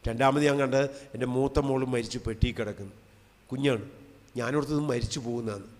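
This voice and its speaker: A man in his fifties, a lay preacher giving an emotional testimony sermon, swinging between loud emphatic cries and soft hushed asides. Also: medium pitch, brisk. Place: large convention hall. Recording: long hall reverb.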